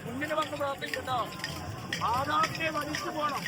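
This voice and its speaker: A man's voice: very high-pitched, fairly even intonation, moderate pace, a loud crowd, very noisy. A man with a Kerala accent speaking as a possessed oracle, exhorting and blessing devotees in repeated set phrases.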